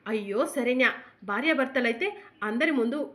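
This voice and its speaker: Patient young husband, hushed and coaxing, voiced by a woman narrator. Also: a little high, moderate pace, a little hiss or hum, natural voice.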